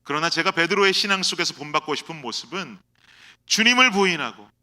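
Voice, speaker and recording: A man with a high, very bright voice preaches a sermon in a church. He swings from ringing exhortation down to hushed asides and back again. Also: lively intonation, fairly quick. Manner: dramatic shifts between loud exhortation and hushed, low quoted asides. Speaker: pastor. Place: church sanctuary.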